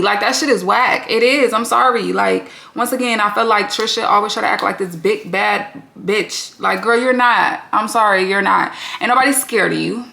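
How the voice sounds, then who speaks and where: Gravelly bright-voiced woman recapping bluntly. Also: fairly high pitch. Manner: blunt, profane, animated storytelling. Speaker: reality TV recap host. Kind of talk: candid vlog commentary. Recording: roomy echo.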